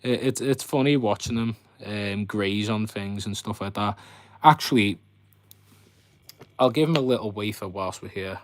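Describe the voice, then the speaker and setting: A man's voice: on the low side, normal speed, a little hiss or hum. A man hosting a casual live stream, chatting in a rambling way to viewers as he shows what he keeps. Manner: rambling, chatty commentary with viewers addressed directly. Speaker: host of a fishkeeping live stream. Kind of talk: casual live chat, showing his fish tanks.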